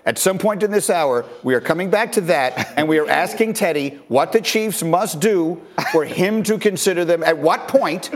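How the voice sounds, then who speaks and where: Male sports-talk host, slightly high voice, brisk and directing. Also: lively intonation, a little hiss or hum. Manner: brisk, steering the conversation. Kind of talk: live sports talk show.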